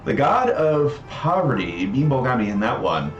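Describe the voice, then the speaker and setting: Here a man walks viewers through his visual novel project on a casual livestream, drifting into asides as he explains. His mid-range voice has a sing-song lilt and an even, moderate pace. The audio has its highs cut off, plus a roomy echo and faint background music.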